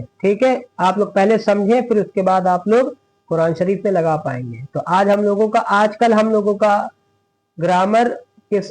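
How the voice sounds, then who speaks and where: A man teaching Quran recitation rules, who often checks in with "theek hai" and recites verses slowly to demonstrate. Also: sits high, darkish tone, rough recording.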